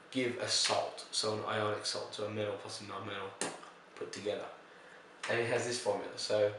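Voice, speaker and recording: Casting note: low-voiced male chemistry teacher, easygoing and explanatory, recorded off-mic in a very echoey room. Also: far from the mic, slight background noise. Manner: relaxed, explanatory, with fillers and self-corrections. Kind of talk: recorded lesson explaining reactions.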